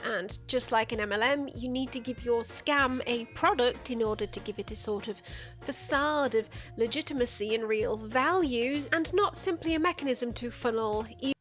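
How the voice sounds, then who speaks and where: A woman's voice: a little high, normal speed, fairly bright tone, faint music behind. A woman giving sardonic, profane scripted narration for a video essay. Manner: sarcastic, profane, playful.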